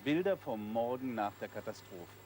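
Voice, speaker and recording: A man's voice: medium pitch, animated, moderate pace, a little mellow. A man reading scripted television documentary narration in short, clipped phrases. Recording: faint background noise.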